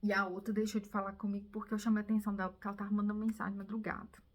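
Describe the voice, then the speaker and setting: A Brazilian woman vlogging, telling viewers a personal story in an animated, confiding way that now and then drops to a whisper. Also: medium pitch, rapid-fire. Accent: Brazilian Portuguese.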